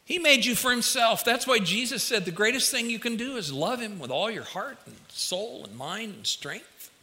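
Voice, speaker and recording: A man with a fairly high, bright voice delivers a folksy, conversational sermon straight to his listeners. His speech is slightly affected by a dental retainer he is wearing. The sound carries the long reverb of a big hall. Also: expressive, moderate pace. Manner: folksy, direct address to listeners with anecdotes. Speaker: preacher. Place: large hall, speaking to a congregation.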